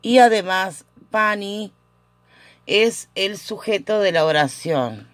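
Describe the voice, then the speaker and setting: A woman teaching a casual language lesson at home, patiently repeating each example with frequent "eh" pauses. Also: mid-range voice, lively intonation, no echo.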